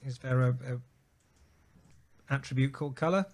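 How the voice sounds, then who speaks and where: A man on a video call, casually working through a software problem out loud, trailing off and restarting as he thinks. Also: medium pitch, moderate pace. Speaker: software user on a live Q&A. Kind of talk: casual technical problem-solving chat.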